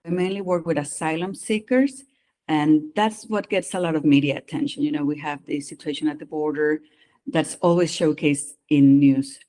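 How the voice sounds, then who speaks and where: Here the psychologist guest, who conducts immigration evaluations, has a dark tone, a mid-range voice, fairly even intonation and a moderate pace. Their English carries a mixed non-native accent. Over the interview they lay out their work earnestly and share personal experience openly.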